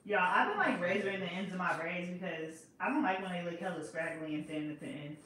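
Bright-voiced joking hair braider. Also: female voice, lowish voice, fast, far from the mic. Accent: California. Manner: joking, teasing, slangy. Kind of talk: casual chat while braiding. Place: home living room. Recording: echoey room, faint noise.

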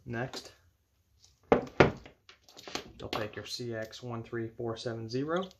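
Seated at a table indoors, a man with a medium-pitched voice demonstrates an equipment setup, giving step-by-step instructions in a measured, matter-of-fact way. The recording is clear but has background noise and clicks.

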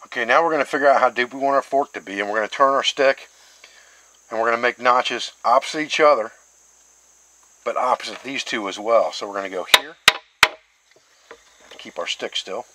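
A middle-aged man gives a hands-on bushcraft lesson outdoors, walking through each cut in plain, practical words. His voice is bright and forward. Soft background noise sits under the camera-mic sound. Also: medium pitch, a little fast, pauses often, rough recording. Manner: plain, step-by-step explaining while carving. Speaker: bushcraft instructor. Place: outdoors, working on a wooden board.

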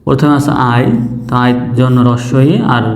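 A man's voice: mid-range voice, flat delivery, moderate pace, roomy sound, soft background music. A man teaching a lesson, explaining step by step and spelling words out letter by letter. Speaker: English teacher. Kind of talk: classroom lesson.

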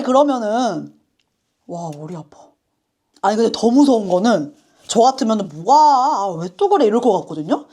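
Woman, reaction host; lively, chatty, apologetic asides, a bit high. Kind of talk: casual reaction chat.

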